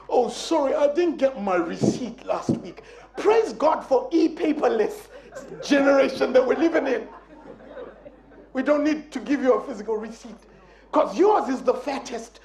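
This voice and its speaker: A male guest preacher delivering a sermon in a church, playful and animated, acting out quotes with bursts of emphasis. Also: extremely high pitch. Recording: echoey church sanctuary.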